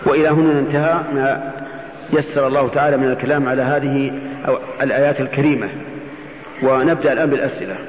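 A man's voice: mid-range voice, fairly even intonation, quick pace. A man teaching as a religious scholar, giving Quran commentary in classical Arabic and often posing questions that he then answers. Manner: didactic, poses questions and answers them. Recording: muffled, echoey hall, faint noise.

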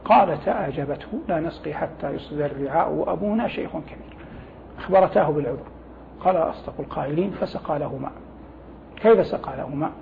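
A man with a fairly high, creaky voice appears as a programme guest, a religious scholar explaining scripture didactically in formal Arabic. He recites quotations and pauses to gloss phrases. The sound is thin and phone-like, with faint noise.

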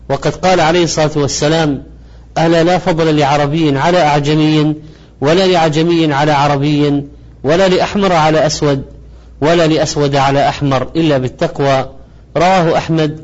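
A man giving a religious lecture in formal standard Arabic, speaking in a measured, didactic way in short phrases. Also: on the high side. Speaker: religious lecturer presenting a program. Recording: slightly dull, lo-fi audio.

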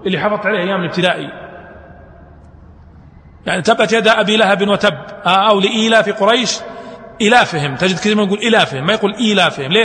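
A man's voice: sits high, pushed and bright, echoey room, long reverb tail. A male teacher giving a classroom lecture, asking his students questions and answering them himself, mixing colloquial and formal speech. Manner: colloquial Gulf Arabic mixed with formal speech.

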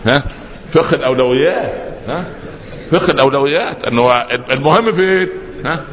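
A man's voice: fairly high pitch, animated, a little fast, a crowd in the background. A male preacher with an Egyptian accent giving a sermon, moving between colloquial storytelling and formal recitation. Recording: dull, hall reverb.

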